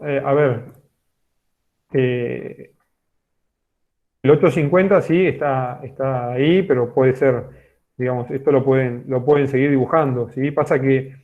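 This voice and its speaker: A man talks a geology class through a drawing, stopping again and again to check that the students follow. His voice sits at an ordinary pitch. It comes through a narrow, phone-like video call line. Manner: explanatory, keeps checking in with a questioning "sí". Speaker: geology teacher. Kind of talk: online class lecture. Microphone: computer microphone on a video call. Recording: tinny phone-like online call audio.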